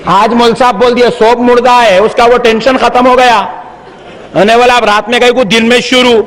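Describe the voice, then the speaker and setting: A man with a very high, piercing voice preaches a fiery sermon, telling stories and breaking into shouts. He acts out the voices of the people in his tale. His words ring out with a long reverb, as if in a large hall. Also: brisk. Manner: animated, bursts into shouts, acts out quoted voices.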